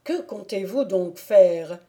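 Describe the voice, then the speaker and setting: An anxious peasant clog-maker, a grown man stubbornly protecting his goat, as a woman reads him aloud. He speaks in loud, protesting outbursts, in a mellow, darkish tone from a storybook reading. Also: medium pitch, lively intonation, takes it slowly. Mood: startled.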